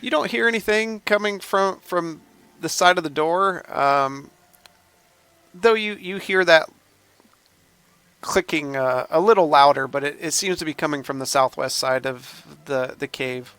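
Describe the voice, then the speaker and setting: A man running a tabletop game as game master, describing scenes in an unhurried, descriptive way. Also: on the high side, a bit bright, clean tone, dry recording.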